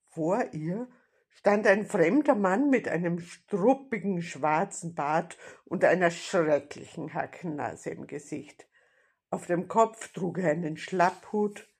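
A woman reading a children's storybook aloud as narrator, calm and steady. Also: lowish voice, slightly rough.

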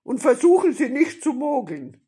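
A woman voicing a gruff, bossy male robber in a storybook reading, barking commands and growling threats. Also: sits high, big pitch swings, moderate pace, warm tone, pitched above the performer's own voice. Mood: gruff, threatening.

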